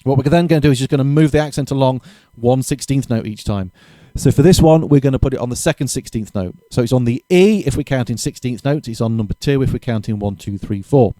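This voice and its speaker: Relaxed man teaching drums. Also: medium pitch, quick pace, few pauses, no room sound. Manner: relaxed, chatty, self-correcting, counts beats aloud. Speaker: drum teacher. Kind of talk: casual spoken lesson. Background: drumming between explanations.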